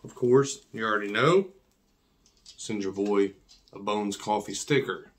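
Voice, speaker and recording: A man's voice: on the low side, unhurried. Man with whistling s, casual unboxing chat. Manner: slangy, repeats himself. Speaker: coffee review vlogger. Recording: clear background noise and clicks.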